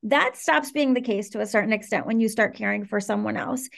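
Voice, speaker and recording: A woman in her thirties, raised between Venezuela and the Washington DC area, speaking as an interview guest in an articulate, earnest and animated way. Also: mid-range voice, a little fast, creaky. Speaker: guest, startup co-founder. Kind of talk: interview conversation.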